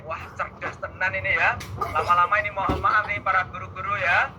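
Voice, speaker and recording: A man's voice: sits high, level tone, brisk, very noisy. A man teaching an exam-prep math lesson, playful and teasing, talking back and forth with his students. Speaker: math tutor.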